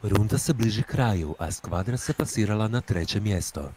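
A showy mock radio announcer, as a man puts him on for laughs, booming low and drawing out each phrase like a late-night host. It comes through a home voice chat with a steady hiss of background noise underneath. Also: natural voice. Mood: mock-announcing. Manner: slow, deep put-on radio-host delivery. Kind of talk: joking commentary over a multiplayer game.

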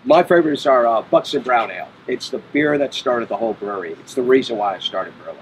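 A man's voice: mid-range voice, expressive, fast talker, a little hiss or hum, rough recording. A middle-aged man, a brewery owner being interviewed, explaining in a matter-of-fact way on an outdoor patio. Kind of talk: casual interview. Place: outdoor patio by a brick wall.

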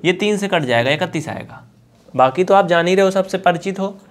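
A high-voiced Indian man runs an online maths class, coaxing and chatting with his students. He slowly repeats each point and weaves in English terms from the textbook.

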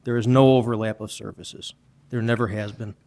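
A man's voice: on the low side, fairly even intonation, a little fast, a little mellow. A man speaking as an alderman, setting the record straight in a firm, matter-of-fact way. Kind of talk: council debate.

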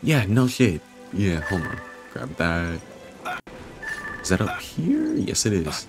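Music plays in the background as a young man with a deep voice speaks slowly, his pitch swinging hugely. A gaming video creator, he casually narrates a playthrough in let's-play style, talking to himself and swearing freely.

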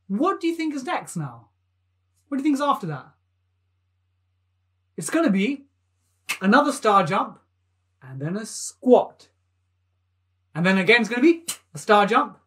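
Energetic man teaching kids maths. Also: sits high. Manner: enthusiastic, animated, coaxing children to join in. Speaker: maths teacher hosting a live online lesson. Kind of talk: energetic live lesson for young children.

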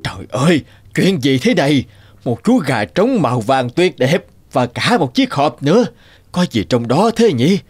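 A man voicing a kindly poor old farmer in a cartoon, talking in a gentle, wondering way. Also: fairly high pitch, sing-song, a little slow, slightly rough, no room sound, full character voice. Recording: cartoon with music behind.

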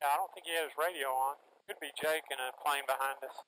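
Older guy pilot, slightly high voice, talking on headset intercom in a droning little plane. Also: steady tone, fast talker, pushed and bright. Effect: aviation headset intercom. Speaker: private pilot. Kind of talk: radio calls and cockpit chat. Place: inside a small propeller plane. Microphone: aviation headset boom mic. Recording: noisy small-plane cockpit intercom.

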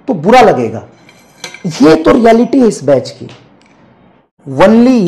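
A man's voice: high-pitched, darkish tone. A man teaching physics in an online lecture, bluntly scolding his students.

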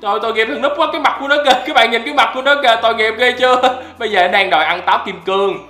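A man doing excitable gameplay commentary as a YouTuber, often breaking into loud exclamations. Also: very high-pitched, rapid-fire, reverberant, faint music behind. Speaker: gaming YouTuber.

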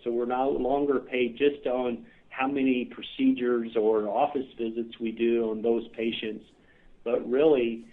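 A man with a Midwestern American accent, a clinic chief executive answering podcast questions earnestly, with many filler "uh"s. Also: mid-range voice. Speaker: clinic CEO guest. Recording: tinny phone line.

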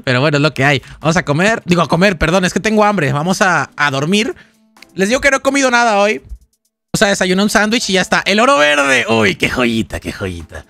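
A man's voice: sits high, lively intonation, quick pace, sharp tone, no room sound, faint music behind. A man, livestreaming a game and chatting casually in a rambling, jokey way as he reads out donations and chat. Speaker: gaming livestreamer. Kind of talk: casual live-stream chat while gaming.

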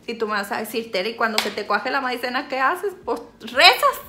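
In a fairly high, bright and forceful voice at a moderate pace, a vlogger from Sinaloa, Mexico, chats through a makeup tutorial with her Sinaloan accent. She's playful and self-mocking, teasing an off-camera helper, and there's a little hiss or hum in the recording.

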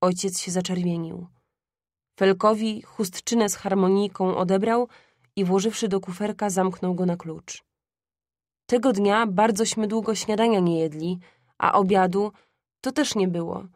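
Female audiobook narrator, mid pitch, dry close mic, measured storytelling. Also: fairly even intonation, a little mellow, no echo. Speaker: audiobook reader. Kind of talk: scripted literary narration.

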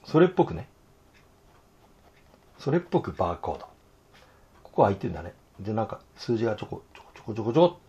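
A hoarse man teaching fountain pen illustration, talking to himself in halting asides as he draws. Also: fairly low pitch, sing-song, dark tone, dull audio. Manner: talks to himself while drawing, halting, murmured asides. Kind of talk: casual drawing tutorial.

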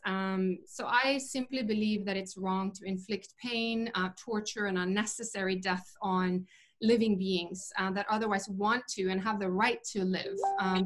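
A Norwegian vegan chef in her forties joins a casual interview by video call from a room at home. She explains her views thoughtfully, circling back with fillers and restarts, in a mid-range, slightly bright voice.

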